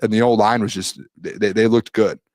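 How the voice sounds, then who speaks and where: A young man hosts a sports stream solo, his lowish voice steady, a little fast and slightly mellow, captured in studio quality without room sound. He rambles through the practice recap, restarting often and reading viewer questions aloud. His voice is failing, and he clears his throat.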